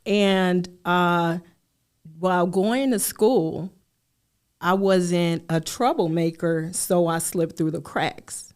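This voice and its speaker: A middle-aged woman, a life coach, speaking candidly and in measured phrases as a guest in a podcast interview. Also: fairly low pitch, fairly even intonation, a little mellow, clear, resonant tone.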